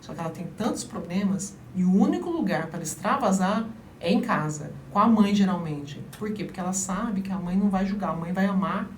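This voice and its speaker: A woman guest explaining child-rearing methods in an emphatic, lively way during an interview. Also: fairly low pitch, fairly quick. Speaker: guest, parenting advisor. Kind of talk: interview conversation. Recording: roomy, distant mic, faint noise.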